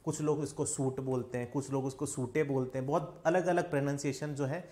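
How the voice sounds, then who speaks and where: A man's voice: mid-range voice, fairly even intonation, brisk, dark tone. A young man from India with an Indian accent, teaching an online spoken English lesson and quizzing viewers with repeated questions.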